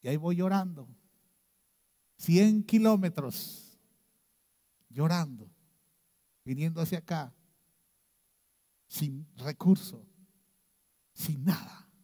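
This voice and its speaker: A middle-aged man with a Mexican accent preaching a sermon, swinging between loud outbursts and hushed low lines. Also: takes it slowly, long pauses. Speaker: pastor. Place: church. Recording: long reverb of a church hall.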